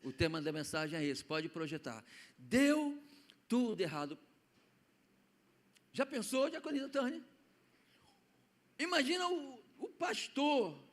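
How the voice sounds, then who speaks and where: A man with a Brazilian Portuguese accent preaching a sermon in a church, telling a story and swinging between hushed and loud declarations. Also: high voice. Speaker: pastor. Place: church sanctuary.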